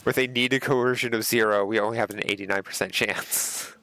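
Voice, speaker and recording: A man's voice: on the low side, steady tone, brisk, creaky, bright, forceful tone. A man reading game narration aloud with casual commentary as a streamer.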